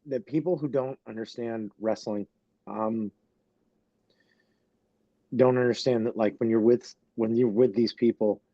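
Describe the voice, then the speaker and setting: A man, a wrestler guest on a podcast, telling a story in halting speech full of fillers and restarts, close to tears. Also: lowish voice, dark tone, no echo, lo-fi sound. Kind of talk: emotional podcast interview.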